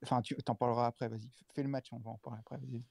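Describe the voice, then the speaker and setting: Podcast cohost rattling on fast, low mellow tone, dry sound. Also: level tone, vocal fry, no room sound. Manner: quick chatty commentary with restarts. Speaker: podcast co-host. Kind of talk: casual podcast chat.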